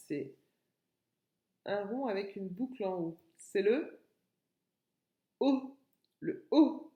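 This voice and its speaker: A woman teacher speaks very slowly and patiently to small children, spelling out syllables and saying each word twice. Her voice sits at an ordinary middle pitch. The room around her sounds roomy and echoey. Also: dark tone. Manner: slow, patient, repeats words and syllables. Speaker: kindergarten teacher. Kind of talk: remote lesson for young children. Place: home room by a window.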